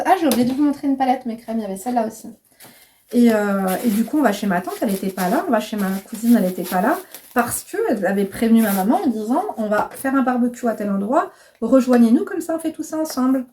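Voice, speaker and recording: A woman's voice: a little high, warm tone, a little hiss or hum. A woman in her thirties chatting frankly to camera as a vlogger and coach, casual and direct, swearing freely. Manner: chatty, frank, swears casually, addresses viewers as "mes crèmes".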